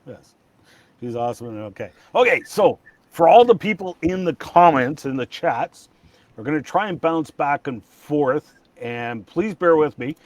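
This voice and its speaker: A man's voice: fairly high pitch, animated, measured pace, no room sound. A man hosting a casual livestream chat, rambling with restarts and laughter. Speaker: livestream host.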